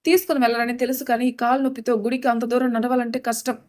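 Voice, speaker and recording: Woman narrator doing polite young wife, gentle storybook tone, higher register. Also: flat delivery, racing, natural voice. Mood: plain. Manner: soft, polite, pleading.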